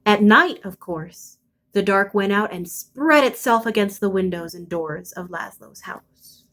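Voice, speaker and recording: A woman reading a children's picture book aloud expressively, with deliberate, suspenseful phrasing. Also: mid-range voice, fairly bright tone. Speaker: storybook reader.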